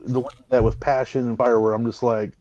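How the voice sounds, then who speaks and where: A man's voice: mid-range voice, little pitch movement, a little fast, a little mellow, dry recording, highs cut off. A man co-hosting a podcast, rambling in casual chat and often trailing off. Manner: rambling, trails off, drops his voice. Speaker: podcast co-host.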